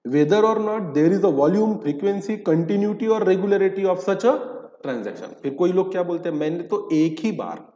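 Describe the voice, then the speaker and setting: A teacher with a high-sitting, warm voice speaks slowly, with few pauses, in a recorded lecture. He explains terms by asking questions and answering them, reading English legal text amid his Hindi. The recording is from a dull, echoey hall.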